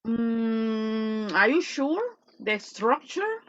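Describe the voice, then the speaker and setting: A woman with a slightly high voice teaches an online English class, switching lively between Spanish and English and drawing out the example words. The audio is lo-fi video call sound with a little hiss or hum.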